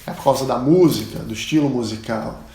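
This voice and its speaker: A man's voice: medium pitch, a little fast, reverberant, slight background noise. Chatty Brazilian man teaching pilot English. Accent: Brazilian Portuguese. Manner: chatty, explains with anecdotes, repeats model words loudly. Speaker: pilot and aviation English instructor. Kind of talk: casual spoken lesson.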